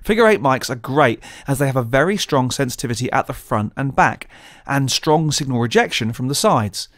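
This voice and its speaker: A man presenting a scripted audio tutorial, explaining clearly and methodically into a close studio condenser mic. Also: medium pitch, animated, normal speed, fairly bright tone. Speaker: presenter of a gear channel.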